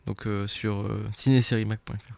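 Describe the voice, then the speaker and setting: A male co-host on a radio film show, chatting casually and adding short remarks of his own. His voice sits rather low, with a gravelly rasp that runs through his speech. He sounds at ease in the studio exchange. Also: flat delivery, brisk, darkish tone.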